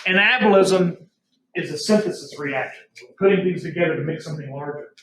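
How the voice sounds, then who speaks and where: Male science teacher, high voice, folksy lecture style, recorded from across a roomy classroom. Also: brisk, a bit bright, a little hiss or hum. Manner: folksy, asks the class questions. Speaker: biology teacher. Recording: roomy classroom audio from a distant mic.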